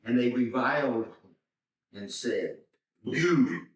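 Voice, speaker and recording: An older man, a seminary professor, slowly reading and explaining scripture to a class. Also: medium pitch. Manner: slow, deliberate, pauses to explain Greek words. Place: church hall. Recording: roomy church hall, mic far off.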